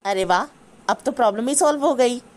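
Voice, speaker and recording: A woman's voice: on the high side, brisk, natural voice. Woman playing a bossy mother-in-law. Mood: softening. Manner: scolding, complaining. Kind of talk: cartoon voice acting.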